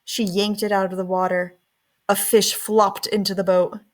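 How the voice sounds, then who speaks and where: A storybook reader, a woman of medium pitch, brings a children's story to life with expressive, unhurried narration.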